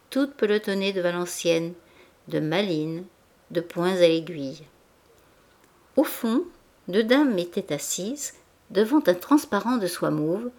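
A woman narrating a classic novel as an audiobook in a measured, even literary reading. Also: on the low side. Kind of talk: scripted narration.

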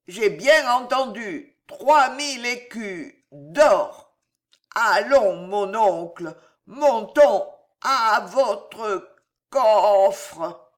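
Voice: medium pitch, fairly bright tone, pitched above the performer's own voice. A reader voicing a drunken, greedy young nephew in a French storybook, slurring and drawing out his words. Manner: slurred, drawn-out, wailing.

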